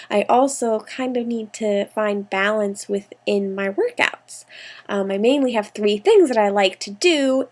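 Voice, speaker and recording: Chatty young American woman vlogging. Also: mid-range voice. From United States. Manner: chatty, rambling, with frequent ums and small laughs. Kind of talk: casual video diary. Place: at home.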